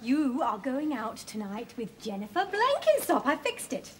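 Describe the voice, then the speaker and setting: An actress playing a meddling, bossy mother who speaks briskly and teases. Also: high voice, very animated, slight background noise. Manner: brisk, teasing. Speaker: mother in a sitcom.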